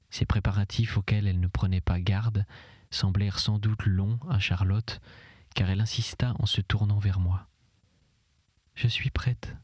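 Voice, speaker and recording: A man narrating a literary novel in the first person in an audiobook, in measured, often hushed and breathy tones. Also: fairly low pitch, no echo. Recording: dry close recording.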